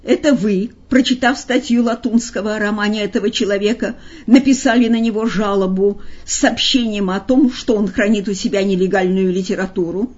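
A woman's voice: mid-range voice, fairly quick, few pauses, a little mellow, muffled recording, close to an everyday voice. A woman putting on a nasal, sly henchman. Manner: mock-heartfelt, interrogating. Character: menacing sly male henchman.

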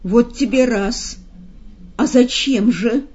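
A woman playing an unhurried, commanding devil. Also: on the high side, darkish tone, slightly rough, voice pushed up. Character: calm, commanding male devil master. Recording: slightly dull lo-fi sound.

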